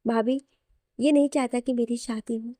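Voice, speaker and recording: A man's voice: very high-pitched, steady tone, moderate pace, dark tone, dry recording, clean studio sound. A woman doing an affectionate young brother-in-law figure. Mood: joking. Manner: affectionate, joking. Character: warm, respectful young male friend.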